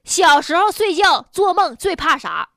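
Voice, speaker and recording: A high-voiced woman with a Northeastern Mandarin accent hosts a comic news commentary show. Her delivery is very animated, blunt and full of everyday colloquial opinion. The sound is close and dry. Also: measured pace, vocal fry, dry recording.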